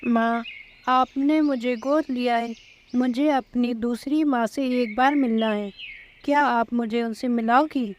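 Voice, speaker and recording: A woman voicing a young male bird gently asking his adoptive mother for something. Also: fairly high pitch, steady tone, highs cut off, slight background noise, close to an everyday voice. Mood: gentle.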